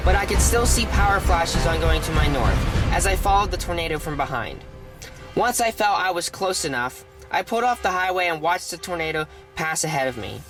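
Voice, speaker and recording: A man narrating a storm-chasing vlog in an earnest, solemn manner, in the style of a scripted voice-over. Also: on the high side. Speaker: storm chaser, video host.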